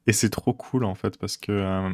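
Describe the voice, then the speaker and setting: A man chatting casually with his viewers while he codes on a live stream, rambling with many fillers and quick chuckles. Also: fairly low pitch, darkish tone.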